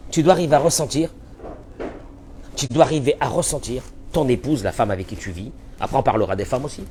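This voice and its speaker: A man teaching as a rabbi in a Torah lesson. He talks emphatically, repeats his key phrases, and swings between loud and soft. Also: medium pitch, quick pace, a little hiss or hum.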